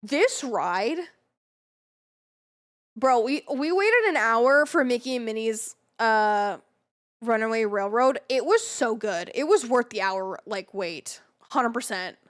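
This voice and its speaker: A woman's voice: fairly high pitch, animated, slow pace. A woman chatting casually on a livestream as a variety game streamer, with a bubbly, cute anime-streamer delivery.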